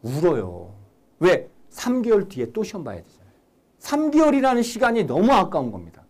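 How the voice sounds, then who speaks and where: A middle-aged man teaching a recorded exam-prep lecture, animated and nagging, sometimes acting out a student's thoughts. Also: high-pitched, a little fast.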